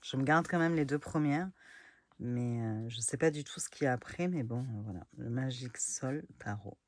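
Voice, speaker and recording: A woman's voice: very deep voice, normal speed, no echo. A woman casually reviewing tarot and oracle decks, chatty and hesitant with many fillers. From France.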